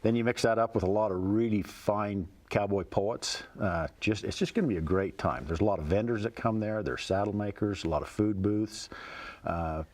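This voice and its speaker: A man's voice: fairly low pitch, normal speed, a little mellow. A man chats casually as an interview guest, folksy and plainspoken. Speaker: interview guest, cowboy poet.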